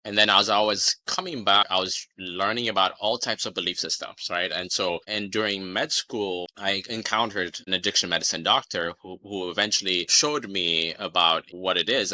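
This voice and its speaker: A man's voice: deep voice, sharp tone, dry recording. A man from Ethiopia, a psychiatrist guest, speaking thoughtfully and often asking "right?". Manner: thoughtful, frequent "you know" and "right?". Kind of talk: casual interview talk.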